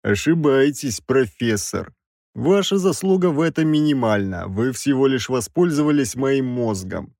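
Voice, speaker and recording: A man's voice: medium pitch, animated, gravelly, a little mellow, no room sound, clean studio sound. A man voicing a stern six-armed winged creature. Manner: measured, coldly ironic. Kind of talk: audiobook character voice.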